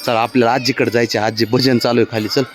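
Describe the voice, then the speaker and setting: A man's voice: mid-range voice, level tone, quick pace, a little hiss or hum. A man coaxing his cat along in casual talk, calling out short words again and again. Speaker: cat owner vlogger.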